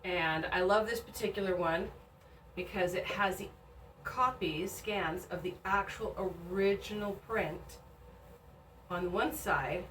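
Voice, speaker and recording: A woman hosting a video, explaining and reading aloud in a deliberate, explanatory way. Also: medium pitch, fairly bright tone. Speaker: video host presenting a historical recipe. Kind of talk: casual explanation and reading aloud from an old book. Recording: distant microphone with faint background noise.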